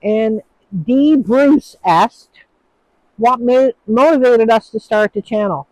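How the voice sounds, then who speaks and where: This is a rough, echo-free recording of a woman speaking slowly in a fairly high, darkish voice. She's from Newfoundland, Canada, and speaks Newfoundland English, chatting outdoors to a phone while snow comes down. She answers viewer questions in a rambling, hesitant manner.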